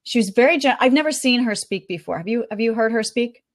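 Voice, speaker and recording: A woman's voice: a little high, fast talker. Chatty woman recapping conference talks. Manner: chatty and animated, with frequent fillers and laughs. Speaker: guest reporting on a marketing conference. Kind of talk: casual podcast chat.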